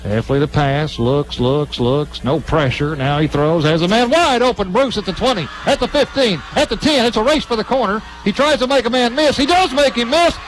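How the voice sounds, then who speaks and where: Calling a high school football game live on radio from the stadium broadcast position, this American play-by-play announcer speaks in a clipped running style that builds on big plays. His voice sits high, moving at normal speed with hardly any pauses. The recording is low quality, with slight background noise.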